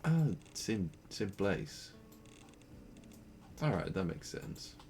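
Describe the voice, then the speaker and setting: Drawing out his words and swinging widely in pitch, a young Dutch-accented man rambles playfully during a casual game stream, often breaking into laughter. His voice is fairly low and a little mellow, over soft background music.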